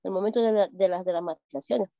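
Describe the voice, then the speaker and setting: A woman student with a Peruvian Spanish accent speaks up in an online class, her voice mellow and a little high. The audio is dry and dull, with little range. She goes through her points earnestly, one after another. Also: quick pace, gravelly, dry recording. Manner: earnest, lists points at length. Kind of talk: class participation.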